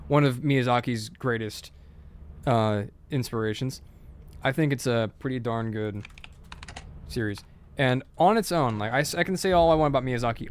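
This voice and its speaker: A sleep-deprived man giving rambling, relaxed commentary while streaming a game. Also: medium pitch, slight background noise. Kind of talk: casual gameplay commentary.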